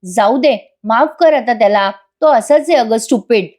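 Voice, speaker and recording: A woman's voice: a little high, moderate pace, darkish tone, close to an everyday voice. A woman voicing a sugary, taunting young meddler. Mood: mock-sweet. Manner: sugary, mock-sympathetic, teasing.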